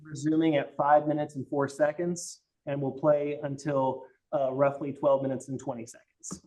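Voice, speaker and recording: A male prosecutor addressing a judge in a formal, deferential and halting manner during a court hearing. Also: fairly high pitch, flat delivery, dark tone, poor audio.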